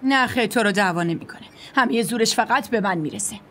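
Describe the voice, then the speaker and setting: A woman dubbing a bitter young wife who complains sharply and resentfully. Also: a little high. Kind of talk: Persian dubbing of a drama series. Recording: voice over loud music.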